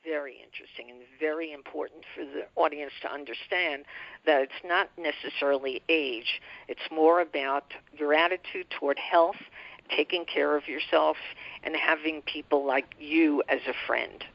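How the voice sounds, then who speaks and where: A woman's voice: sits low, fairly even intonation, moderate pace, vocal fry, no room sound, dull audio. A woman hosting an interview show, encouraging her guest and asking long questions. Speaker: host.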